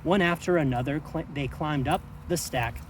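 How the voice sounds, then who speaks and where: A man reading a rhyming children's story aloud outdoors with lively, expressive delivery. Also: fairly high pitch, moderate pace, slight background noise, poor audio. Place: outdoors at a zoo.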